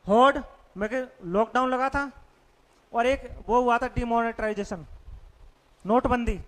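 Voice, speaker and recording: A man's voice: very high voice, steady tone, unhurried, long reverb tail. A male teacher giving a classroom vocabulary lesson, quizzing students with repeated questions. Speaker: English teacher.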